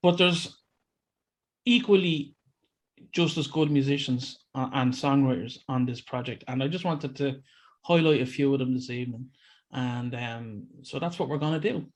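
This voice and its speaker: A man's voice: medium pitch, normal speed. A man with an Irish accent hosting a casual chat in an informal, bantering way. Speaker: podcast host. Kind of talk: casual chat, introducing guests.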